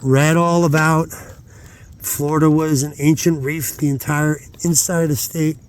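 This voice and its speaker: A man with a slightly high voice and flat delivery talks a little slowly while hosting his own outdoor vlog at night, out rockhounding. He's casual but hesitant, meandering and frequently cutting himself off.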